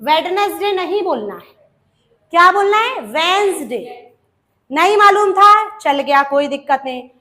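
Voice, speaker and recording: High-pitched, bright-voiced Indian woman teaching. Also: lively intonation. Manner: addresses students as beta, asks questions and drills answers; slows down and stretches out example sentences. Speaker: English grammar teacher. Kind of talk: classroom grammar lesson for exam students.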